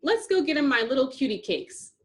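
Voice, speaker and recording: A woman's voice: high voice, big pitch swings, brisk, pitched above the performer's own voice. A woman voicing a doting, overprotective fatherly scientist who gushes and fusses over the girls with sugary pet names. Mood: gushing.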